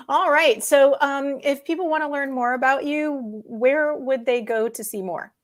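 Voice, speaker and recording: A woman's voice: high voice, a little slow. A woman hosting an online music showcase, upbeat, laughing easily and using frequent fillers while she wraps up the show over a video call. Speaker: host. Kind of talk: interview and show wrap-up.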